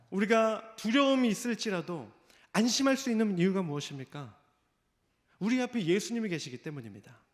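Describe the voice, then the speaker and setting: A man preaching a sermon, telling a story and acting out the voices of the people in it. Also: high voice. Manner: storytelling, acts out quoted voices. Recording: long reverb of a church hall.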